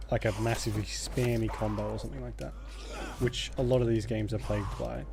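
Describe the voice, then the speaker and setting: With fairly low pitch and noticeable vocal fry, this male streamer meanders through easygoing, thoughtful let's play commentary. Game ambience and a little background noise sit underneath.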